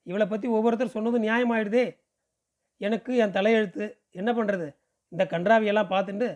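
A man's voice: high-pitched, lightly acted. A man reading a distressed elderly mother's anguished inner monologue in an audiobook.

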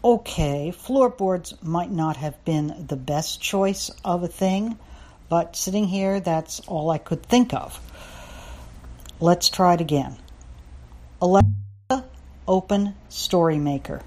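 Lady showing off a voice app, slow easy pace, lower voice, joking around. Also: warm tone. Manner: chatty, lightly joking. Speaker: skill reviewer. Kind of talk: casual product demo.

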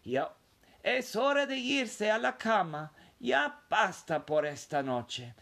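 A man voicing a gentle mother calling her son to bed. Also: high-pitched, very animated, slow pace, vocal fry, pitched above the performer's own voice, heavily acted. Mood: tender. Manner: tender, soothing.

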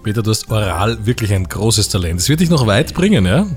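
A man's voice: on the low side, very animated, fairly quick, a little mellow, faint music behind. A man co-hosting a radio comedy show, playing the dry, teasing straight man. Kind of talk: absurd comedic banter.

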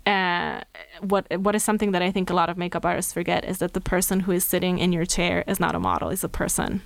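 A woman's voice: on the low side, little pitch movement, fast, gravelly, no echo. A woman from Slovenia, a makeup artist, chatting casually as a podcast guest and laughing easily.

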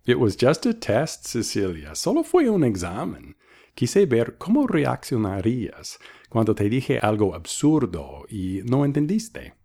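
A man's voice: medium pitch, wildly swooping pitch, takes it slowly, gravelly, mellow. A man hosting a bilingual English lesson, patiently modelling phrases and repeating them for practice. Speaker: English teacher and host.

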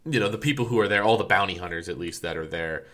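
A man's voice: low voice, fast talker, fairly bright tone. A man co-hosting a casual podcast, rambling with lots of fillers and restarts. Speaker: podcast co-host.

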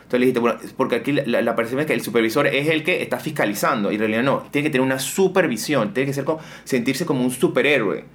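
A man, a business coach talking in a casual interview, energetic and emphatic, deliberately varying his intonation. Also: mid-range voice.

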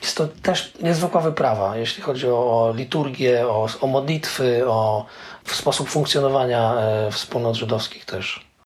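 A man explaining things in an interview, pausing often with filler sounds as he thinks. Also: mid-range voice. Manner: hesitant, many filler "e" pauses. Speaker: interviewee, Hebrew scholar. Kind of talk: conversational explanation.

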